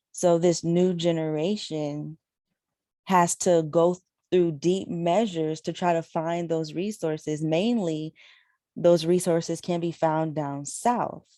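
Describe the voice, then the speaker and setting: Woman, sign language interpreter, low pitch, mellow tone, relays signers with many ums. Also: fairly even intonation, takes it slowly, no room sound, studio quality. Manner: relaying speakers in third person with fillers. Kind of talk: voicing signed conversation.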